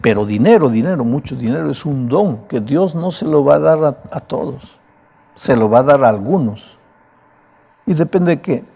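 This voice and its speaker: A male pastor preaches a sermon in a broken, raspy voice, emphatic yet conversational. His pitch sits in the middle with lively intonation, a moderate pace, and a dark tone.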